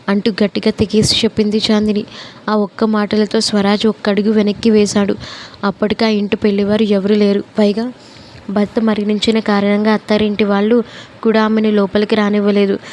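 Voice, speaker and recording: A woman narrating a romance story aloud in a steady, even manner. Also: mid-range voice, fairly quick, a little hiss or hum, rough recording.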